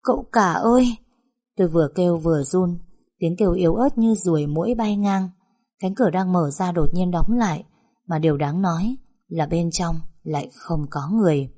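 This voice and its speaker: A woman narrates a story in the first person, with a low-pitched, mellow voice. She recounts it in a tense, breathless way. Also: moderate pace.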